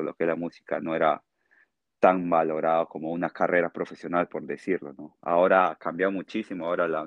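A man from Peru, heard on a remote call, gives conversational answers as an interview guest, explaining haltingly and frequently adding a quick tag question. He has a deep voice, and the audio is dull with no room sound.

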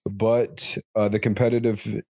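Male podcast co-host, relaxed low voice, competitive and thinks out loud. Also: measured pace, creaky. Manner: reasons aloud at length, competitive. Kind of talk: casual award-picks chat.

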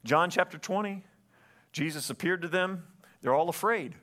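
His voice is high-pitched, pushed and bright, moving at a moderate pace. He's a man pastoring a church, delivering an earnest sermon from the sanctuary stage over a stage microphone, regularly calling out for amens and going over phrases again.

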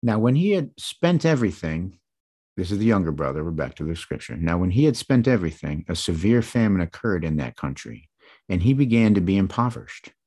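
A man's voice: low voice, sing-song, fairly quick, a little mellow, husky. A man preaching, reading scripture aloud and breaking off into conversational, reflective asides.

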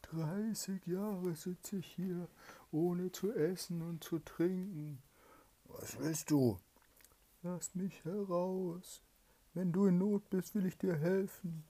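A woman voicing a sly, wheedling evil male spirit in a bedtime fairy tale, in a high, drawn-out coaxing voice. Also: steady tone, warm tone, husky.

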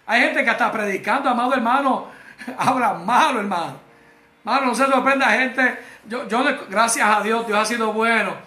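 Fervent high-voiced preacher. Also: male voice, echoey room. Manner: fervent, exhorting, repeats "amado hermano", bursts into shouts. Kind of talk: sermon.

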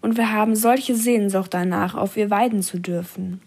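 A woman's voice: mid-range voice, fairly even intonation, moderate pace, vocal fry, a little mellow. A woman voicing an unhappy, complaining cow in a stall. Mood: longing.

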